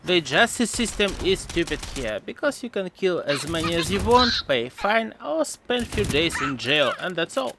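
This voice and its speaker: A man's voice: high-pitched, very animated, normal speed, few pauses, background noise. A man narrating a game video essay with sarcastic, mocking humor and jokey asides. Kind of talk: sarcastic voice-over commentary.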